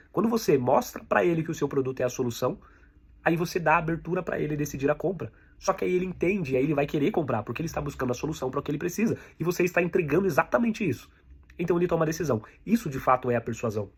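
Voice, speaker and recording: With a fairly high pitch and a breathy edge, this Brazilian Portuguese-accented man coaches viewers in an online sales class. He addresses them directly as "you" and drills key points repeatedly so they can take notes.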